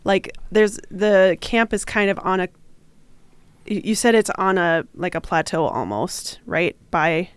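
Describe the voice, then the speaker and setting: Clear-voiced woman playing a tabletop game. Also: lowish voice, a little slow, no room sound. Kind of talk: casual game-table chat.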